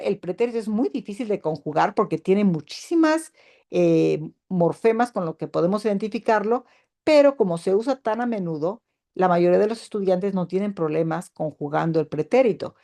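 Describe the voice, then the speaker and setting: A woman's voice: lowish voice, dark tone. A woman giving a grammar video lesson, explaining patiently step by step and asking the viewer questions. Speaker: Spanish grammar teacher.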